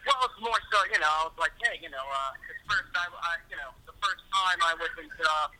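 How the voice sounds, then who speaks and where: A man's voice: on the high side, a little fast, sharp tone, rough recording. A man heard through a phone on speakerphone, chatting casually and hesitantly, with lots of fillers and restarts. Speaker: guest's fiance calling in. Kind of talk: casual chat.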